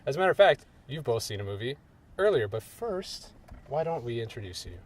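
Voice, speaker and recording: Animated young man hosting a chat. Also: medium pitch, a little fast. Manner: lively, jokey, animated delivery. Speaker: podcast host. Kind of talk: casual chat. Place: indoors in Toronto.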